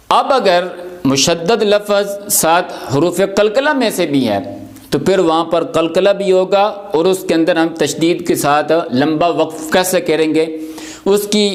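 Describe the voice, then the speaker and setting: Patient man teaching Quran recitation, higher voice. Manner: explains patiently, repeats examples, recites verses slowly. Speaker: tajweed teacher.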